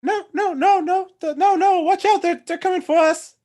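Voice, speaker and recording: A man voicing a panicky woman adventurer in a tabletop game, in a flustered falsetto. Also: steady tone, moderate pace, darkish tone. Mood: panicked. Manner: flustered, repeating words.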